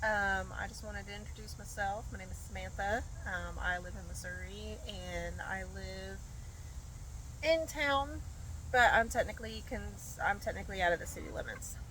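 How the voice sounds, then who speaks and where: Stuffy-nosed woman rambling about her hens out in the yard, roosters and clucking loud behind her. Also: medium pitch, normal speed, poor audio. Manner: chatty, easily sidetracked. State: congested, under the weather. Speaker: homesteading vlogger. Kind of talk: casual chat to camera. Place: backyard by chicken coops, outdoors. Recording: outdoor noise with clucking chickens and roosters. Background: chickens and roosters.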